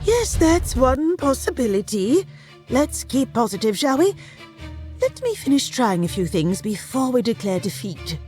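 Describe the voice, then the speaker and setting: Casting: actress as quick-witted female time traveller, animated higher voice, theatrical and formal, light music underneath. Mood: reassuring. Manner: theatrical, playfully arch, formal wording. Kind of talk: audio drama acting.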